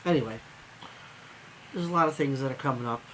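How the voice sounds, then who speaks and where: A man's voice: mid-range voice, fairly quick, noisy background. A man hosting a casual live stream as a trucker, rambling loosely with lots of fillers and casual swearing, sleepy and yawning.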